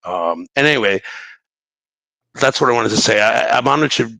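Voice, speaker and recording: A man with a bright, forceful voice rambles as a caller on a talk show. He stammers and restarts often, with a gravelly edge to his casual speech. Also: medium pitch, lively intonation, moderate pace, no room sound, low-quality recording. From Brooklyn, New York. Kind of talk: casual political call-in talk.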